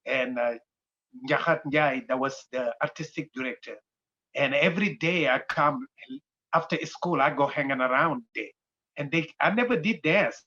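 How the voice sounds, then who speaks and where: A man in his sixties with a Senegalese accent, a dance company founder telling his life story in a halting, unhurried way with many fillers. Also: a little high, sharp tone, husky. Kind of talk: personal interview storytelling. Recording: dull lo-fi recording.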